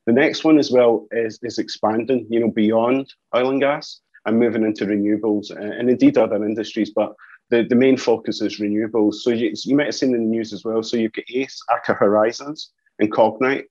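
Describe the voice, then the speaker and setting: A Scottish company executive is interviewed informally over a video call from his office, speaking a little fast in a steady, lowish, darkish voice. He habitually pads his sentences with "you know" and "as well," and the call audio is muffled and roomy.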